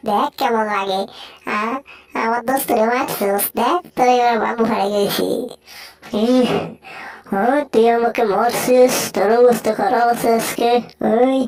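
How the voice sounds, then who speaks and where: A performer voicing a grumpy, scheming male house cat in a homemade cartoon dub, gruff and threatening. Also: medium pitch, steady tone, measured pace, voice pushed down, lightly acted. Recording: recorded from a distance.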